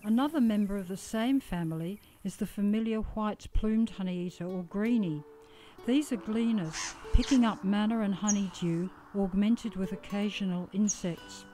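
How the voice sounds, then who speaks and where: A woman with an Australian accent giving calm, scripted nature documentary narration as a voice-over. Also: medium pitch, normal speed, soft background music.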